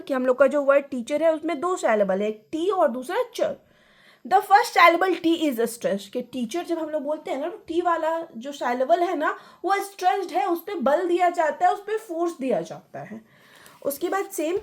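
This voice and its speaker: Woman, Indian accent, exam-prep lecture, high voice, slow English read-outs followed by Hindi explanation. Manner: reads English lines slowly, then explains in Hindi. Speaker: teacher.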